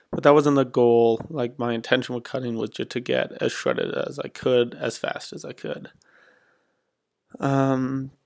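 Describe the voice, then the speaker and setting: A man's voice: medium pitch, creaky. A young man in his twenties giving a laid-back, rambling voice-over as a fitness vlogger, full of ums and likes. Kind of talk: casual voice-over commentary.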